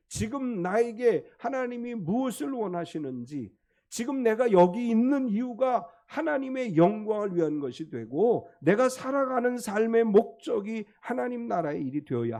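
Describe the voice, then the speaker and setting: A man's voice: high voice, big pitch swings, moderate pace, gravelly, dark tone. A male pastor preaching a sermon, explaining the text emphatically and acting out quotes.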